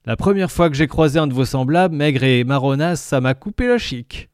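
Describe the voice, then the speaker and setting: A man's voice: medium pitch, lively intonation, fairly quick, smooth, no room sound, clean studio sound, pitched above the performer's own voice, lightly acted. A man voicing a big, chatty male alien cook who gurgles and loves to talk. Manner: gurgling, talkative.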